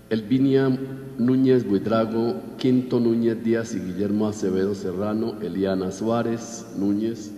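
A Colombian priest with a low, dark male voice works through a list of Mass intentions, naming each one in a steady, measured recitation. He speaks into an altar microphone at the altar of a large church, where the sound echoes with long reverb.

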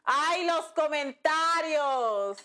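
A woman with a high, pushed and bright voice speaks very slowly, though with lively intonation, while teaching a nail class on a live stream. The instructor chats with her viewers as she reads their comments, addressing them as "mi amor" and "amiga."

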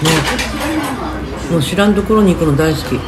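A woman's voice: fairly low pitch, brisk, a loud crowd, very noisy. A woman with a chatting and teasing her companion on a casual walking vlog. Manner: chatty, teasing, lively dialect banter. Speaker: travel vlogger.

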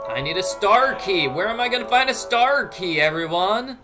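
A man commentates casually on a game he is playing. His delivery is animated and playful, rambling into mock-dramatic asides. Game music runs behind his voice. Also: sits high, moderate pace. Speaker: gamer, let's play commentator.

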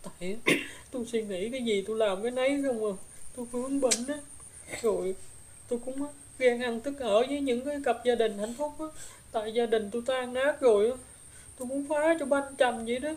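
A woman's voice: a little high, a little fast, a little mellow, a little hiss or hum, lightly acted. A woman with a Southern Vietnamese accent voicing the ghost of a young woman, a gossip who now regrets her deeds, rambling through her story with filler particles. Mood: rueful telling. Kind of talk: spirit possession drama.

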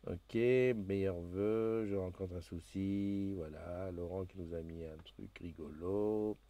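A man's voice: deep voice, steady tone, takes it slowly, mellow. A man hosting a casual live stream, chatting loosely with many fillers and restarts as he reads viewer comments aloud into a new desk microphone. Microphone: new desk microphone being tested.

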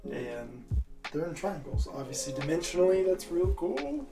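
A man's voice: a little high, sing-song, moderate pace, reverberant, music in the background. A man chatting casually while showing an unfinished house during a family vlog. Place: indoors in a house under construction.

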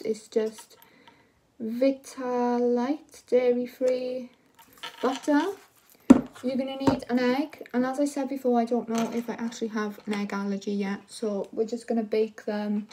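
A young woman in her twenties talking casually through a baking tutorial in a home kitchen, halting often with fillers and self-corrections. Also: on the high side, dark tone, slight background noise, rough recording. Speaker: vlogger. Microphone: phone camera at a distance.

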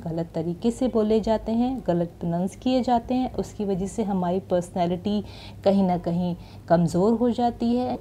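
A woman with an Indian accent hosting her channel and teaching English pronunciation, pronouncing each word clearly and carefully. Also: mid-range voice, warm tone, a little hiss or hum. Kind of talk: slow, deliberate pronunciation lesson. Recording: music playing behind.

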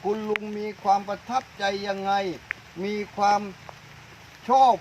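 A man's voice: high-pitched, level tone, measured pace, a little mellow, dull audio, slight background noise. A man interviewing a farmer for a promotional video, eager and repeating the answers back, outdoors in a coconut orchard in the rain. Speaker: interviewer, fertilizer brand owner.

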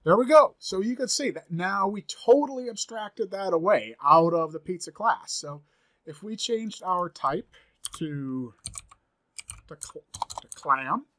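A man's voice: high-pitched, animated, unhurried, a bit bright. A man in his forties giving a screen-recorded coding tutorial from a home office, thinking aloud as he types, upbeat and chatty. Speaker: programming instructor.

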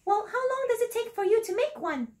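A woman doing a squeaky, excitable little girl puppet. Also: a little fast. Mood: eager. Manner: eager, repeats questions, dramatic. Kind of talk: children's educational show.

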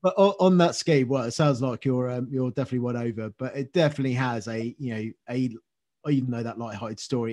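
A man's voice: medium pitch, a little mellow. A man hosting an interview, asking earnest, rambling questions with frequent restarts and ums. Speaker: interview host.

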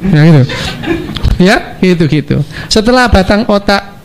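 A doctor talks in a loose, anecdotal way, his fairly high voice swooping up and down as he acts out little exchanges. He sounds playful and animated throughout. A faint hiss sits behind him. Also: unhurried. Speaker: doctor speaking on neuroscience. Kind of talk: casual talk, lecture-like anecdotes.

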